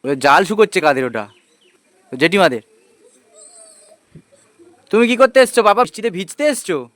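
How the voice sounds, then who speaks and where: This West Bengal vlogger, a young man, sounds high-pitched, very animated and a bit bright at normal speed. Holding his phone at his village home, partly outdoors in the rain, he chats casually about daily life and coaxes his small daughter.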